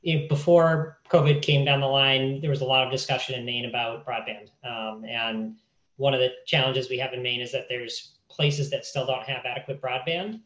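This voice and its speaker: A man's voice: mid-range voice, fairly even intonation, normal speed, fairly bright tone. A man in his thirties speaking casually and matter-of-factly as a panelist on a video call. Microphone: laptop webcam mic. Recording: roomy, dull video call audio.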